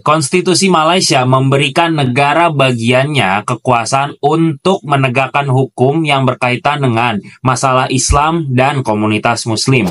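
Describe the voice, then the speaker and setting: A man's voice: medium pitch, a bit bright. A man narrating an explainer video in an informative way, asking viewers for their opinions. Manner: informative, asks viewers questions.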